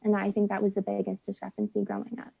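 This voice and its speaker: A woman's voice: mid-range voice, monotone, fast talker, vocal fry, dark tone, husky, muffled recording. A young woman from the United States talks casually as a guest, chatty and full of "like", acting out quotes as she goes. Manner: chatty, lots of "like", acts out quotes. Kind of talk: casual conversation.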